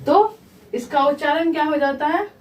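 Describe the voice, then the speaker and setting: A female English teacher with a high voice gives a grammar lesson in Hindi, slowly putting questions to her class, repeating them, and answering them herself. There's a slight hiss or hum, and she sounds distant in an echoey room.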